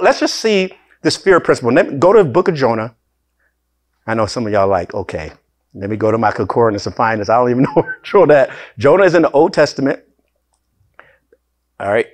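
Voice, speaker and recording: Animated preaching man. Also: mid-range voice. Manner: animated preaching with bursts of laughter and emphatic rises. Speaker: pastor. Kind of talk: sermon.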